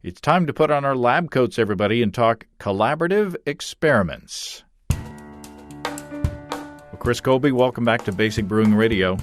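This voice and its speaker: A man's voice: mid-range voice, lively intonation, fairly quick, few pauses, soft background music. A man hosting a podcast, reading listener notes aloud in an easygoing, chatty way. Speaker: podcast host.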